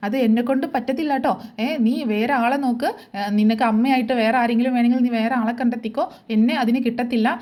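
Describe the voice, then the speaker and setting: A woman's voice: on the high side, steady tone, fast talker, a little mellow, natural voice. A woman voicing a bitter, angry middle-aged mother in a TV serial retelling, speaking in harsh scolding tones. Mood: scornful. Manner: harsh scolding, then tearful complaining.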